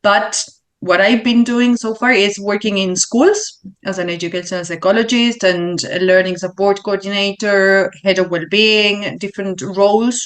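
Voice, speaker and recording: A woman from Uruguay speaks English with a Spanish accent, answering interview questions at a thoughtful pace. She pauses often and fills gaps with small hesitations while she finds her words. Her pitch sits at an ordinary middle level. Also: fairly even intonation. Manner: thoughtful, searching for words with fillers. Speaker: learning consultant guest.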